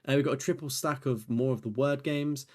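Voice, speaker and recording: Speaking fairly quickly at a medium pitch, this young man from the UK is a gaming YouTuber chatting his way through a trophy list. Worn out and almost voiceless, he rambles on with plenty of self-deprecation.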